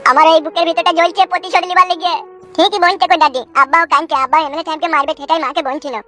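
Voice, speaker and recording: A fiery young village man voiced by a woman in a comic cartoon. He rattles off crude, swearing rants at breakneck speed. The voice is bright and high for a man. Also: fairly even intonation, racing, soft background music. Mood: vengeful. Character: hot-headed young village man vowing revenge.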